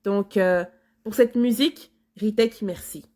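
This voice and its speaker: A woman hosts a reaction video in a mid-pitched voice. She comments casually, stammering and restarting as she tries to get her thoughts out. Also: a little mellow. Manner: halting, stumbling, with repeated restarts.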